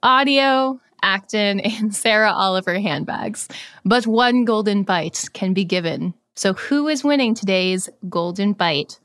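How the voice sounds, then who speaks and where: A woman's voice: medium pitch, a little slow, fairly bright tone, no echo. A woman hosting a casual podcast, recapping business stories with dramatic reveals. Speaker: podcast host.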